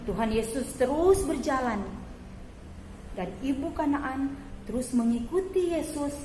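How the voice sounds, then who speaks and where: Brief: high-pitched woman telling a children's Bible story, slow and expressive, roomy echo. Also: slight background noise. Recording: echoey hall, faint ambience.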